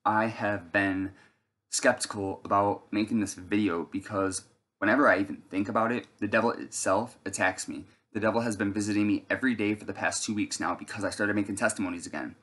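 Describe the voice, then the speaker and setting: A man's voice: on the low side, steady tone, brisk. Earnest rambling man giving testimony. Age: 30s. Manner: earnest, rambling, with fillers and restarts; breaks off to shout at someone off camera. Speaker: video testifier. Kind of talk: religious testimony monologue.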